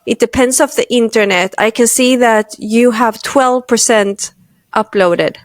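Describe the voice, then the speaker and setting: A woman's voice: fairly high pitch, unhurried, no echo. A woman hosting a podcast in casual chat, friendly, with slightly non-standard English phrasing. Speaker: podcast host.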